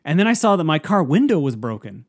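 A man's voice: a little high, sing-song, fast. A man co-hosting a podcast, telling a long rambling story in casual chat and acting out the quotes. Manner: rambling anecdote with acted-out quotes. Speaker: podcast co-host.

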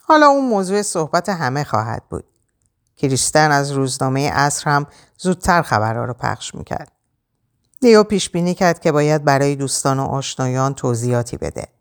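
Low-voiced woman reading an audiobook. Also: expressive. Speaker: audiobook narrator. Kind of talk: audiobook narration.

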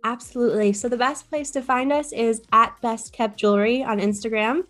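A woman's voice: on the high side, steady tone, normal speed, fairly bright tone, faint music behind. Chatty woman guest with frequent ums. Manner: chatty, many ums, enthusiastic. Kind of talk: casual podcast interview.

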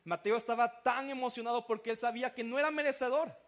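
A man's voice: very high voice, fast. A man, a pastor preaching a sermon and telling stories with acted-out voices. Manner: animated storytelling, acting out quoted voices.

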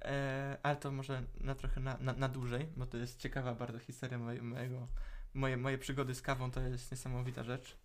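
Teen guy, podcast co-host, halting chatty talk, stumbles over words. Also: mid-range voice, completely flat delivery. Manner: hesitant, repeats words while thinking. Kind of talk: casual chat.

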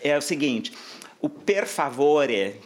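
A Brazilian man, a podcast guest, explains etiquette and style in casual chat, measured and drawing out key words. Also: on the high side, sing-song.

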